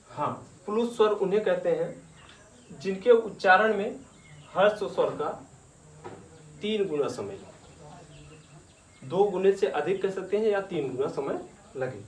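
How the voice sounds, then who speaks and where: Slow, deliberate male teacher in echoey room. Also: sits high, lively intonation. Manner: slow, repeating and drawing out sounds. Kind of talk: slow classroom-style grammar lesson. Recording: echoey room, distant mic, faint noise.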